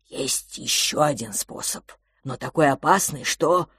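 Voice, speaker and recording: A woman voicing a calm, weary old male sage who reasons slowly and sighs between thoughts. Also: sits low, breathy edge, dry recording, studio quality, heavily acted. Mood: weary reasoning. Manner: measured, sighing, reasoning.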